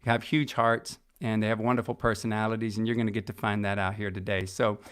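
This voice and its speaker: A man's voice: fairly low pitch, level tone, fast talker, a bit bright, clear, resonant tone. A middle-aged man hosting a podcast, talking casually and with enthusiasm about an upcoming conference and its sponsors, with many fillers and restarts. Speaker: podcast host and conference organizer. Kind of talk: casual promotional podcast talk.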